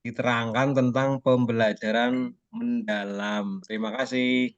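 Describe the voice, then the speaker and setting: A man's voice: mid-range voice, little pitch movement, unhurried, clean tone, no echo. Brief: male student teacher on a video call, hesitant and polite, dull dry audio. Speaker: student teacher asking a question. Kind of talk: question in an online class.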